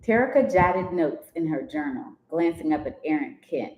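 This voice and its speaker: Woman co-host, low voice, animated aside-heavy reading, faint background hum. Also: normal speed, reverberant, muffled recording. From Columbia, Maryland. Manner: animated, joking, interrupts to critique. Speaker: podcast co-host. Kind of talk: reading a story aloud with commentary.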